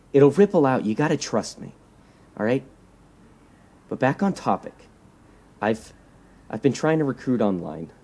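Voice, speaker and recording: A male actor with a low, warm, husky voice plays a persuasive, self-righteous young superhero leader in an audio drama. He speaks earnestly and insistently, repeating words for emphasis, in a cajoling mood.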